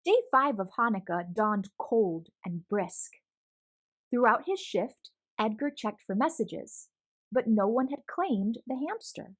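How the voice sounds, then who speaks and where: A woman's somewhat high voice takes its time as she reads a kids' picture book aloud, animating the story with plenty of expression.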